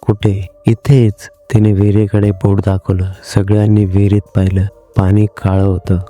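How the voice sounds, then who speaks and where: A man telling a horror story in a measured, suspenseful way. His voice is low and very dark, and faint music plays underneath. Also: completely flat delivery. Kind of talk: scripted horror narration.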